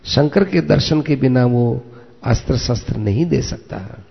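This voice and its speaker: A commanding god in the guise of a frail ascetic, raising his voice high, as a man puts him on. The tone is gravelly, and the sound is dull and echoey, caught in a long-reverb room. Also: animated, measured pace, heavily acted. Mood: fatherly. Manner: loud, commanding, then kindly. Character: proud ascetic who is really the king of gods.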